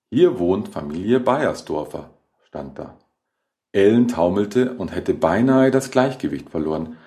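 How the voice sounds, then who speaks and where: A man narrating a horror short story in a measured, dramatic reading. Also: low-pitched, darkish tone. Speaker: audiobook narrator.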